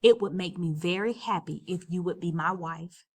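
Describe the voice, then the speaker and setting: A woman voicing a benevolent shape-shifting snake king in a storybook read-aloud, calm and stately. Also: lowish voice, moderate pace. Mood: calm, tender.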